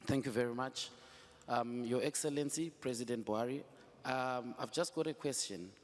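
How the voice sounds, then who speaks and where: A man's voice: mid-range voice, moderate pace. A man from Zimbabwe politely asking a question from the audience. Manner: polite, with fillers. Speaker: audience member. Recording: reverberant hall.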